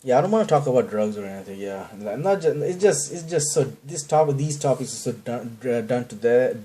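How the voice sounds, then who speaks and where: Brisk and expressive, a Bangladeshi podcast host rambles through a self-deprecating monologue in a mid-range, dark-toned voice. He speaks with a Bangladeshi accent and keeps trailing off, then starting over.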